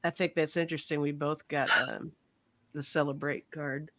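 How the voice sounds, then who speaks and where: A woman's voice: sits low, flat delivery, normal speed, background noise. A woman co-hosting a tarot livestream, teasing and reading viewer comments with frequent laughter. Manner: teasing, laughs a lot, reads comments aloud. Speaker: tarot reader co-host. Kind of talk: casual livestream chat.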